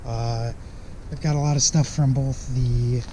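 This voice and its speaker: A man with a hoarse voice that is partly lost, talking casually to camera in a rambling, apologetic way about a car project. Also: mid-range voice, fairly even intonation, a little slow. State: hoarse, losing his voice. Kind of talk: casual vlog talk to camera. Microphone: camera-mounted microphone. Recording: noisy ambient camera microphone recording.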